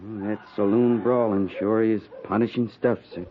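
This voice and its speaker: An American actor playing a deferential, folksy cavalry sergeant in a 1950s radio western. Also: male voice, lowish voice, steady tone, normal speed, lightly acted. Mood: wry, respectful. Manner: folksy, respectful. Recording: muffled 1950s radio recording.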